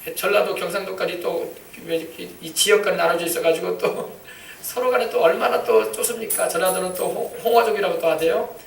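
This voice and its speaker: High-voiced, fast-preaching pastor. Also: male voice, fairly even intonation, gravelly, slight background noise. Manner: emphatic, repetitive preaching with congregation responses. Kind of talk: sermon. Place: church sanctuary. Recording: echoey church, mic far off.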